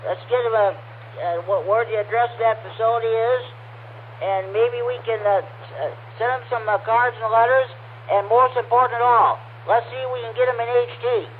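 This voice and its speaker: A man heard over a slightly mistuned ham radio, his voice sitting high and squeezed into a thin, tinny band. He runs the net in a halting way, full of fillers and restarts. A faint hiss sits under him. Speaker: net control operator.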